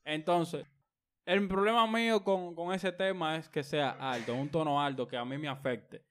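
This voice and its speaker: A man's voice: a little high, normal speed, clear, resonant tone. Emphatic Dominican man ranting. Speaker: panelist. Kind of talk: casual group chat.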